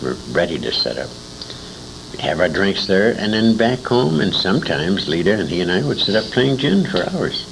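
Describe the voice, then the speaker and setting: Speaking at normal speed with vocal fry, an older American man tells anecdotes in a low-pitched, very animated voice. The interview, a noisy amateur recording from a 1980s convention, finds him reminiscing emphatically and rambling, with frequent asides to his listener.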